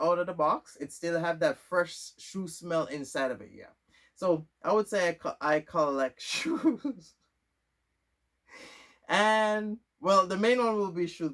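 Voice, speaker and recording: A young Jamaican man with a somewhat high, slightly bright voice answers questions about himself. As a vlogger, he delivers a loose, rambling Q&A monologue packed with fillers and restarts.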